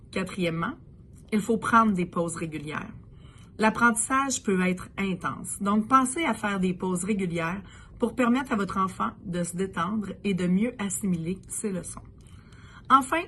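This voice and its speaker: A woman narrating advice to parents in a calm, instructive way. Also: mid-range voice, a little hiss or hum. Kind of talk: scripted narration.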